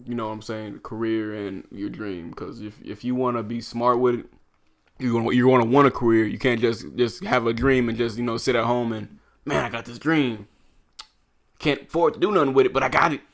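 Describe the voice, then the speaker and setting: A man's voice: medium pitch, steady tone, brisk. A young man co-hosting a podcast in casual chat, laid-back and hesitant, arguing his point with frequent restarts. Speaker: podcast co-host.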